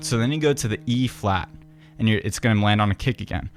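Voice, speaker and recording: With a lowish voice and a quick pace, this man gives a casual, patient piano lesson one step at a time. He teaches piano and beatboxing, frequently starting sentences with "so," and piano music plays behind him.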